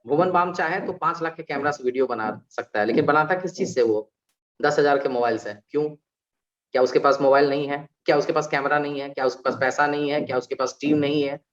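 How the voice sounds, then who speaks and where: A man, an alumni guest on a panel, talking in an animated way and explaining with examples and rhetorical questions. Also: a little high. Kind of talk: conversational panel talk. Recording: dull lo-fi recording.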